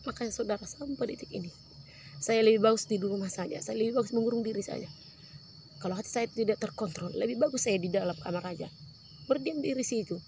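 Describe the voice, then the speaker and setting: A woman's voice: fairly high pitch, fast talker, darkish tone, slight background noise. Earnest woman preaching a testimony. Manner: earnest, addresses the congregation as brothers and sisters. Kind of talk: sermon testimony.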